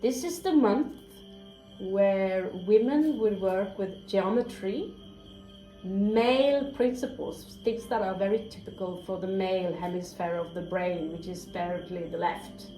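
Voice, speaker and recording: A tarot reader gives a casual reading, candid and chatty, swearing freely and slipping into whispered asides. Her mid-range voice is warm and a little slow. Faint music and faint crickets sit behind her, and the room has a roomy echo.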